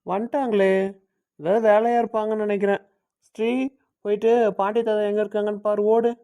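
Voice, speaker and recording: An easygoing young husband in an amateur family drama, played by a man, with a fairly high voice. He talks on in a relaxed, friendly way. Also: a little fast, clear, resonant tone, natural voice. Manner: easygoing, talkative.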